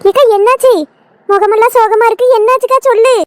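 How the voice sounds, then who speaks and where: A woman's voice: very high voice, fairly even intonation. Woman voicing a wailing old woman. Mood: anxious. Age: older. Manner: melodramatic wailing, drawn-out lament. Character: wailing elderly village woman, excitable and dim. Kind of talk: cartoon comedy voice acting.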